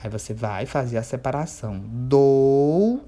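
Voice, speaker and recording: Man, teacher of young kids, patient, drawls words out slowly to spell them, keeps checking that the class follows. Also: medium pitch, lively intonation, darkish tone. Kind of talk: remote workbook lesson for children.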